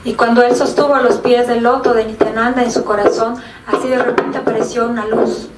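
Woman, sermon interpreter, flat steady tone, fairly high voice, echoey room, noisy. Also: a little fast. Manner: even, steady delivery with small restarts. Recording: echoey room, distant mic, background noise.

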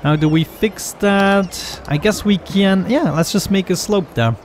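A man's voice: high-pitched, unhurried, slight background noise. A man in his thirties giving casual game commentary as host, talking with a swollen, sore mouth. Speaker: host of a gaming series. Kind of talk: casual let's play commentary.

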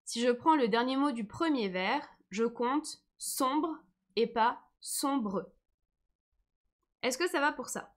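A woman's voice: on the high side, normal speed, few pauses. A woman teaching a live online lesson, patient and encouraging, who says she is tired today. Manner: patient, encouraging, reads comments aloud.

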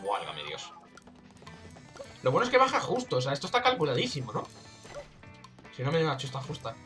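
A man's voice: mid-range voice, wildly swooping pitch, brisk, a bit bright, soft background music. A man with a Spain Spanish accent giving casual, jokey, exclamatory commentary while playing a video game. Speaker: let's play gamer.

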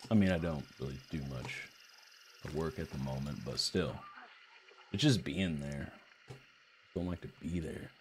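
Deep-voiced man streaming a game. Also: moderate pace, a little hiss or hum. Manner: relaxed, laughs often, swears. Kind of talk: casual gaming chat.

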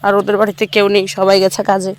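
A woman's voice: mid-range voice, completely flat delivery, racing. A young woman chatting casually to her viewers in a home vlog while she cooks in a small kitchen. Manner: chatty, talks straight to viewers while cooking. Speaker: vlogger.

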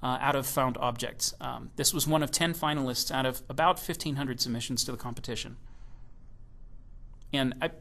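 A man giving a recorded keynote presentation about software, enthusiastic and given to joking asides. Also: mid-range voice, moderate pace, creaky.

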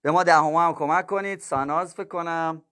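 A man with a slightly higher-than-usual voice, talking as a math teacher on a casual livestream. He chats loosely with his students, cracks jokes and laughs easily, and keeps calling them kids and dear ones. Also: steady tone, fairly bright tone. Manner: chatty, jokes and laughs with viewers.

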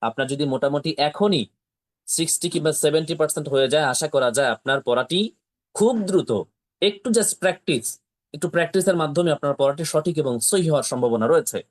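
A man teaching Quran pronunciation in Bengali, with slow, patient drills that repeat each syllable. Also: a little high. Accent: Bangladeshi Bengali. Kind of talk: step-by-step pronunciation lesson.

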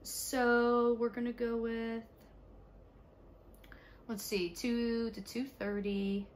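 A young woman with a raspy, stuffy voice from allergies, chatting casually to viewers in a home vlog, tired. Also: fairly high pitch, flat delivery, drawn-out words, slight background noise. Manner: chatty, talks to viewers while ordering online. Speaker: vlogger, mother. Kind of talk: casual day-in-the-life vlog. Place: home, indoors.

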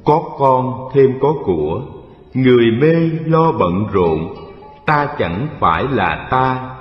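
A man storyteller voicing a calm, wise Buddha, teaching in a measured fireside storytelling manner. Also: medium pitch. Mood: solemn. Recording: echoey hall reverb, dull sound, music behind.

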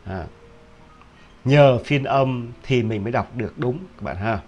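A man teaching English pronunciation, repeating each word several times and often stopping to check with a quick question. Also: medium pitch, darkish tone, muffled recording, faint music behind. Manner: drills words by repetition, with frequent rhetorical "hả?" checks. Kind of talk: video pronunciation lesson.

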